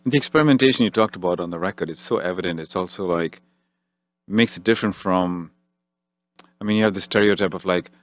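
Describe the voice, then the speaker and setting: A man hosting a radio interview, asking questions in a relaxed, friendly way. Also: low-pitched, fast, dry recording. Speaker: radio host.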